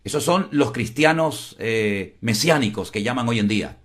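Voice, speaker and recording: Blunt pastor preaching. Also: male voice, medium pitch, expressive, moderate pace. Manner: blunt, emphatic, repeats phrases. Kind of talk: preaching commentary.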